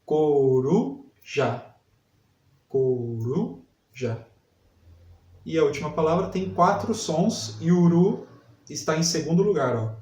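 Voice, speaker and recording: A man teaching a literacy lesson, sounding out syllables slowly and repeating each word. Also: on the high side, a little mellow, distant mic. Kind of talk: slow spelling lesson for adult learners. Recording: echoey room, voice set back from mic.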